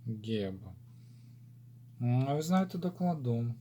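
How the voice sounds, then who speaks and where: A man with a Ukrainian accent doing a rune reading, thinking aloud as he lays out and explains the runes, with many drawn-out fillers. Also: medium pitch, sing-song, mellow, slight background noise. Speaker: rune reader. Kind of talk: casual spoken rune divination.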